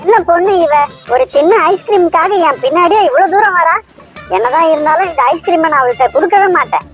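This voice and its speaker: A woman's voice: very high-pitched, fast, soft background music. Woman doing a cheeky thieving parrot. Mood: taunting. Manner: taunting, mocking.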